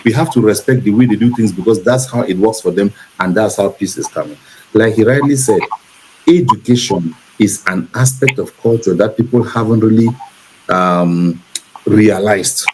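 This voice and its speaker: A man's voice: on the low side, a little mellow, slight background noise, poor audio. Cameroonian man explaining with emphasis. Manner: preachy, measured, repeats for emphasis. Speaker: talk show host. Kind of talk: talk show discussion.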